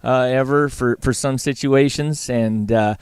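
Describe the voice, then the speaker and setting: A man's voice: medium pitch, fairly even intonation, measured pace, a little mellow, smooth, dry recording, studio quality. A middle-aged man with a Western Canadian accent chats casually in an interview, plain-spoken and folksy. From Alberta, Canada. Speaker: guest, livestock auctioneer and former calf roper.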